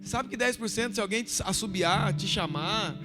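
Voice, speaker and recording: A man with a Brazilian Portuguese accent preaching a passionate sermon, moving between loud declarations and quiet personal stories. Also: high voice, animated, normal speed, music in the background. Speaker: pastor.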